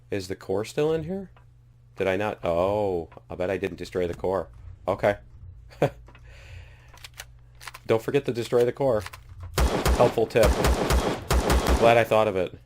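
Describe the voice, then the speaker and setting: A gaming YouTuber with a cold gives casual let's-play commentary, poking fun at himself and laughing at his own mistakes. His voice is fairly low-pitched, with background noise behind it.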